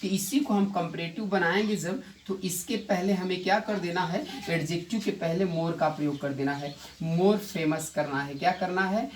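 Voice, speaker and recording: A male English grammar teacher giving a classroom lesson, repeating key points and quizzing his students with quick rhetorical questions. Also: sits high. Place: coaching institute classroom. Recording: echoey room, distant mic, faint noise.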